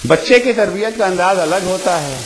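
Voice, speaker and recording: A man preaching a fervent majlis sermon, high and lively. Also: slight background noise, rough recording. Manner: emphatic, rising to shouts then dropping low, rhetorical questions. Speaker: Shia cleric giving a majlis.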